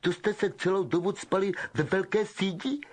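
A man's voice: high-pitched, voice pushed up. A male audiobook reader voicing an arrogant schoolboy with a drawling, mocking manner. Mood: sneering.

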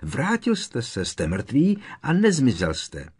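A man's voice: lowish voice, very animated, slightly rough. A man voicing an agitated teenage boy wizard who presses with urgent, pleading questions in an audiobook. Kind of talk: audiobook character reading.

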